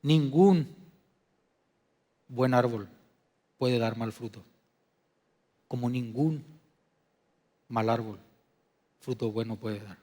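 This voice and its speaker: A man preaching a sermon as pastor, dropping to a hushed, low delivery and then rising to loud, emphatic declarations. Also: slow, pauses often. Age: adult. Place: church sanctuary. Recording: long reverb of a church hall.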